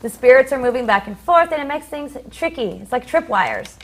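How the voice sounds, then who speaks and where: Chatty woman co-host, bright and quick. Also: sits high, lively intonation. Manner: chatty, rambling, fast when rushed. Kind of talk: casual chat about spooky songs and stories.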